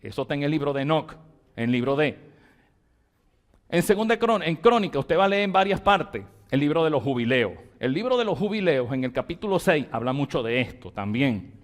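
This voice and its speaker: A man's voice: a little high, big pitch swings, fairly quick. A man, a Venezuelan pastor with a Venezuelan Spanish accent, teaching a Bible study in a church, repeating and dictating terms emphatically to his congregation.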